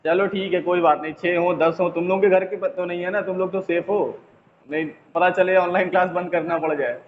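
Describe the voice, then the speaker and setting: Chatty teacher scolding students on phone. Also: male voice, sits high, steady tone, a little fast. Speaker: physics teacher. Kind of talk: online class, casual teasing. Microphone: mobile phone. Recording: echoey, tinny phone line, faint noise.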